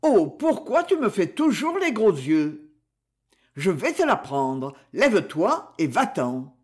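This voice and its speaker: A reader playing a gruff, bullying old miller. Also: mid-range voice, big pitch swings, slow. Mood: scornful. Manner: scornful and threatening.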